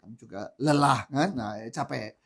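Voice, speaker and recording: A man's voice: medium pitch, measured pace, vocal fry, fairly bright tone. A male pastor preaching a sermon at a church service, chatty and joking, often quizzing the congregation. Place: church service, also streamed online.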